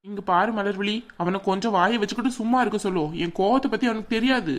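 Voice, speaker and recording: A woman voicing a stern, quick-tempered middle-aged father in a cartoon, speaking harshly and commanding. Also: medium pitch, natural voice. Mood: angry. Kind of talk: cartoon voice acting.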